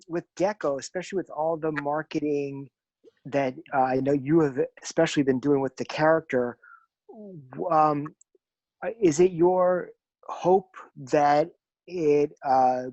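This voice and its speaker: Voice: mid-range voice, darkish tone, no echo. Host asking winding questions, dry sound. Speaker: host, interviewer. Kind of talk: interview questions.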